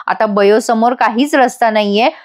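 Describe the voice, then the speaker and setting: Give me a woman with a fairly high voice recapping a serial episode in voice-over, chatty and emphatic. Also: normal speed. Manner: addresses viewers directly, chatty and emphatic. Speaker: TV serial reviewer.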